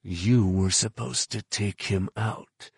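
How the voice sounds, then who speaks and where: A man voicing a curt, hardened male bounty hunter in an audiobook, husky and clipped. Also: fairly low pitch, fairly even intonation, slow, dry recording, studio quality, exaggerated voice. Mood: grim. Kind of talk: audiobook narration.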